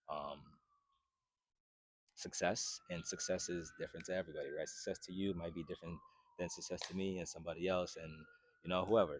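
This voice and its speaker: Twenties man from Haiti, fitness vlogger, very deep voice, dry recording, chatty, keeps asking "right?". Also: a little mellow, no room sound. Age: 20s. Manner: conversational, repeats "right?" often. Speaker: fitness vlogger and personal trainer. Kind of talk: casual to-camera vlog.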